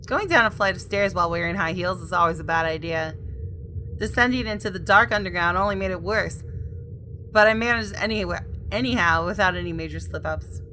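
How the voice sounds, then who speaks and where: A female gaming host reads a visual novel's narration aloud, telling the story expressively and adding casual asides. Her pitch is fairly low.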